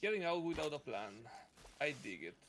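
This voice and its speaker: A man's voice: fairly high pitch, big pitch swings, normal speed, a bit bright, a little hiss or hum. A man chatting casually while playing a game with friends, tossing out playful, theatrical one-liners. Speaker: co-op game player. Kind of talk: casual gaming chat.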